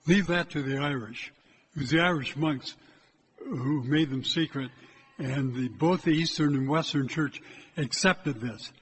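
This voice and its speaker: An older priest exhorts his parish in a loud, plain, direct voice that is a little high for a man and a little slow. He has a hard time keeping his voice low, and the distant recording carries a long church echo over a faint hiss.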